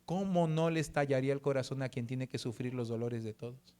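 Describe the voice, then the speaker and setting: A middle-aged man preaching from a pulpit, his voice sitting in an ordinary middle range. He tells his story earnestly and draws the scripture quotes out slowly and gently. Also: medium pitch, smooth. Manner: earnest, slows and softens for scripture verses. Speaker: pastor. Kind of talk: sermon with personal testimony.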